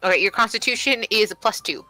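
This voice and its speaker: Female game master, crisp forward brightness, casual improvised narration and rules talk. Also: fairly high pitch, fast, soft background music, rough recording. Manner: conversational, explaining rules. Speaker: game master of a tabletop role-playing game.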